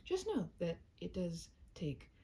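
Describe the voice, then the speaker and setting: A woman hosts a cozy, intimate one-to-one roleplay, chatting to the listener before reading one of her own short stories aloud, sounding chatty and a little self-conscious. Her fairly low, dark voice swoops wildly in pitch, and she takes things slowly. There is slight background noise.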